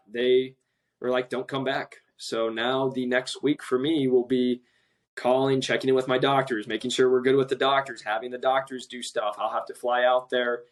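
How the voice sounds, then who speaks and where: A man chatting on a remote podcast call, telling a work story in an animated way and quoting other people, a self-described passionate talker. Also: mid-range voice. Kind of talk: casual podcast conversation.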